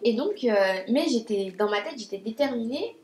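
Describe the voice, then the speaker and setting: A young woman tells a story to camera in a casual vlog. She talks in a chatty, animated way, stumbling over fillers and restarts, and her voice sits a bit on the high side. The room around her gives a clear echo. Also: normal speed. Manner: chatty and animated, many fillers and restarts, acts out her own quoted lines. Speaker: beauty vlogger telling a story. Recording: echoey room.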